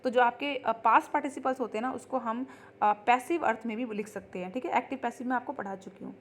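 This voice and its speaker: A woman teaching English grammar in an online lesson. She explains in Hindi, reads the English example sentences slowly and keeps checking in with her students. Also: on the high side, a little hiss or hum. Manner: repeats ठीक है as a check-in.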